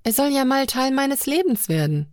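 Lady reading a snarky young starship girl, high and mocking, dry close sound. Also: big pitch swings, moderate pace, no echo. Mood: earnest. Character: sharp-tongued young woman on a starship.

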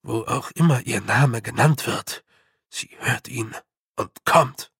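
A man voicing a tiny, tough clan chief of little fairy men who speaks slowly, nervously and deferentially. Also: mid-range voice, a bit bright, husky, no room sound, clean studio sound, full character voice.

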